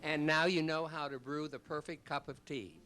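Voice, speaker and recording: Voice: medium pitch, fairly even intonation, moderate pace, pushed and bright. The host of a local history show, asking polite questions that sometimes stall and restart, then closing the episode. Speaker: interview host.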